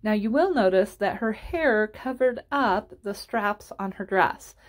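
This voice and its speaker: A woman's voice: medium pitch, expressive, a little slow. A woman giving a casual instructional voice-over as a tutorial host, explaining step by step in an encouraging way.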